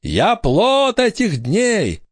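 A man's voice: sits high, wildly swooping pitch, dry recording, studio quality, voice pushed up, full character voice. Cordelia, a man doing a scheming ghostly girl. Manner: drawn-out, eerie wailing. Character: cunning bold young girl faking a ghost. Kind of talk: audiobook character voice.

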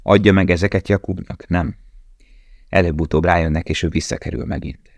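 A man reading an audiobook in a measured, grave, steady voice. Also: low-pitched, no room sound, studio quality. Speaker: audiobook narrator. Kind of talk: scripted narration.

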